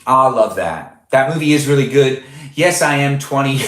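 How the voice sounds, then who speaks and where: Young male streamer in his twenties, casual and chatty, mid pitch, echoey room sound. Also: animated, moderate pace, a bit bright. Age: 20s. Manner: chatty, reads viewer names aloud, laughs often. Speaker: livestream host. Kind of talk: casual live-stream chat reading comments.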